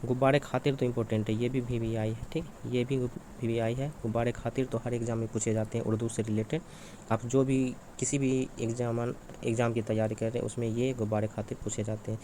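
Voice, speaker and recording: A male teacher working through exam questions, asking each one aloud and answering it himself, over and over. His voice sits at an ordinary middle pitch. A faint hum runs underneath the recording. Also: flat delivery, brisk, mellow. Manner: repetitive, asks and answers his own questions.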